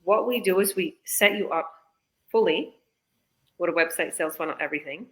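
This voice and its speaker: This business coach, a woman from British Columbia, Canada, responds to questions during a live online interview, relaxed and talkative and eager to explain. She speaks fairly quickly in a lowish voice, and the audio quality is poor.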